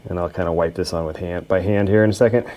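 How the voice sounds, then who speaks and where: Low-pitched man, casual repair talk. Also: steady tone, fast, dull audio, noisy background. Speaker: host of a machinery repair video. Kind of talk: casual hands-on repair narration. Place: workshop.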